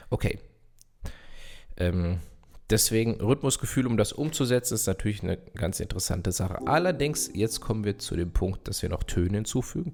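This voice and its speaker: A man's voice: low-pitched, vocal fry. A man giving a casual online piano lesson, talking straight to the viewer and singing rhythms as syllables while he plays. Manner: relaxed, talks directly to viewer, sings rhythms as syllables. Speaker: piano teacher. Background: piano playing.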